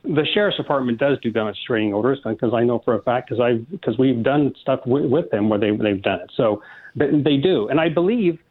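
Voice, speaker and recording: A man being interviewed, answering in a halting, defensive way over a thin phone connection. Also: medium pitch. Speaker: political candidate being interviewed. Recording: thin phone-line sound.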